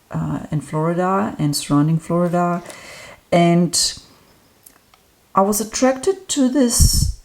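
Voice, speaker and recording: A relaxed, chatty woman with a slightly low-pitched voice, reviewing a card deck for her channel. She talks in a loose, easygoing way, filling pauses with ums and small laughs. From Australia. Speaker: tarot reader and deck reviewer. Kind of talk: casual solo review talk.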